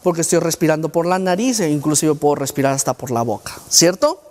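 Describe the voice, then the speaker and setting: A man's voice: fairly high pitch, fast, darkish tone. A middle-aged man giving a university lecture, often firing rhetorical questions at his audience. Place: lecture hall. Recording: long hall reverb.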